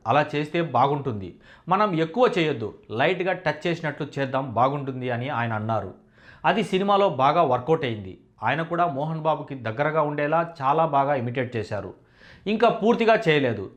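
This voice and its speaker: A man giving a scripted entertainment news voice-over in a steady, formal reading manner. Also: on the high side.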